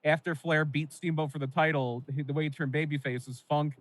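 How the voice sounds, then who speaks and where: A man's voice: a little high, fairly even intonation, a little fast, poor audio. A man from Pennsylvania co-hosting a wrestling podcast, telling nostalgic stories with lots of fillers. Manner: rambling, nostalgic storytelling with fillers. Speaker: podcast co-host. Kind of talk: casual wrestling podcast chat.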